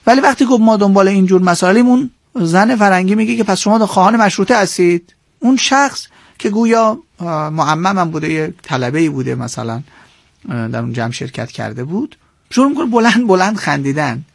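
Gravelly husky man explaining history. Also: high-pitched, dry recording. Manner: animated storytelling, quoting figures in shifting tones. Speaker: guest lecturer on history. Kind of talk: radio interview, explaining history.

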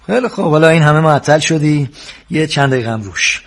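An actor playing a smug police interrogator who calmly presses and taunts a suspect. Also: male voice, a little high, vocal fry. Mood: taunting. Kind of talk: TV drama acting.

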